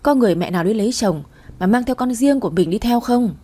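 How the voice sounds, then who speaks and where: A woman's voice: fairly high pitch, lively intonation, fast talker, mellow, breathy edge. Woman doing a nagging, scornful old grandmother. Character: scheming old grandmother, sharp-tongued. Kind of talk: storybook reading.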